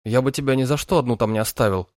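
A man's voice: mid-range voice, quick pace, darkish tone, dry recording, clean studio sound, pitched above the performer's own voice, close to an everyday voice. A man voicing a nerdy, fussy young male student with a know-it-all tone. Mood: pedantic.

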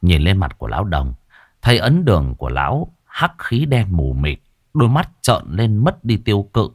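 A man narrating a ghost story in a lively, dramatic way. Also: sits low, moderate pace, slightly rough, no room sound.

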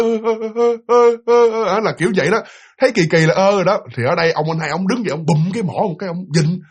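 A man narrating a ghost story, animated and speaking directly to his listeners. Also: fairly high pitch, slightly rough.

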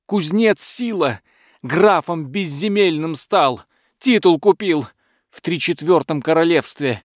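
A man's voice: fairly high pitch, expressive, takes it slowly, no echo, studio quality, pitched above the performer's own voice. A man voicing a scheming, fawning male court butler who whines and pleads. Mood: hurried. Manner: pleading, wheedling.

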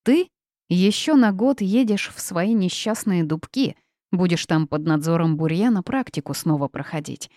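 A woman reading the part of a stern, sharp-tongued old grandmother witch in an audiobook, curt and scolding. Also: lowish voice, animated, normal speed, no echo, clean studio sound, close to an everyday voice.

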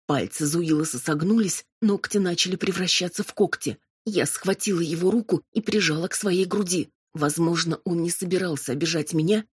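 A woman reading a first-person novel as an audiobook in a measured, steady storytelling way. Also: lowish voice, breathy edge, no echo, studio quality. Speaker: audiobook narrator. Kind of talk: scripted first-person narration.

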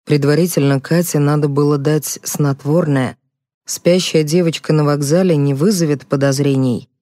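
Woman reading a mumbling middle-aged male psychologist, guilt-ridden, low dark voice, dry sound. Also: steady tone, normal speed, no echo, natural voice. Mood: gloomy. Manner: mumbling, self-justifying. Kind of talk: audiobook character reading.

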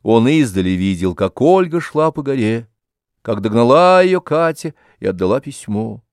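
A man narrating an audiobook of a classic novel in a measured storytelling manner. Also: medium pitch, very animated, a little mellow, no echo, clean studio sound.

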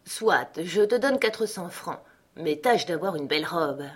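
A woman's voice: fairly low pitch, expressive, a little slow, husky. A woman voicing a meek, fumbling husband who works as a clerk, stammering and hesitant.

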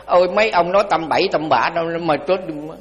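A man's voice: a little high, fast, fairly bright tone, big-room sound, highs cut off. An older male Buddhist monk giving a dharma talk in a colloquial, repetitive, folksy way.

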